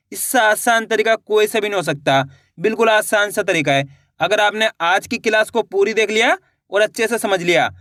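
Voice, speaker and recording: A man teaching reading online, sounding out each syllable slowly and encouraging viewers to keep trying. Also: sits high, sharp tone, no room sound, clean studio sound. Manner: spells words syllable by syllable, slow and drawn out; encouraging, addresses viewers as friends.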